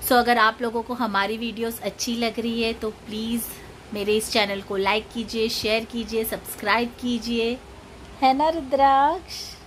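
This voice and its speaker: A woman vlogging in a quiet, hushed voice, talking slowly to viewers and coaxing a little child. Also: fairly high pitch, steady tone. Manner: hushed, speaking softly so a sleeping child won't wake; coaxing, talks sweetly to a small child. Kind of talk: casual family vlog. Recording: noisy background.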